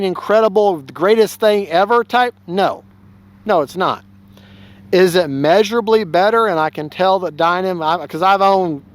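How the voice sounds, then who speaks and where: A man chatting casually about his model plane, rambling and folksy, often correcting himself. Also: on the high side. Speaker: RC plane hobbyist vlogger. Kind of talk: casual review chat.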